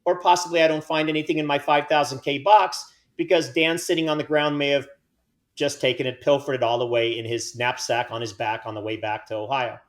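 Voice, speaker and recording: A man's voice: mid-range voice, steady tone, brisk. A man hosting a casual podcast, joking and teasing himself as he reads out giveaway winners and details. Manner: joking, self-mocking banter. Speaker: podcast host.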